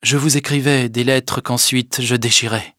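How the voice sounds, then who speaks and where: A man's voice: medium pitch, fairly even intonation, moderate pace, sharp tone, dry recording, studio quality, close to an everyday voice. A man voicing Léon, an ardent young lover. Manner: pleading and pressing. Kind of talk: audiobook reading.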